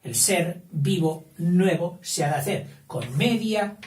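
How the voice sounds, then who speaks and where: Taking it slowly, a man with a high, darkish voice and lively intonation teaches a school class. Digressions and self-corrections come often, as does a questioning "eh?". A distant mic picks up a roomy sound and faint background noise.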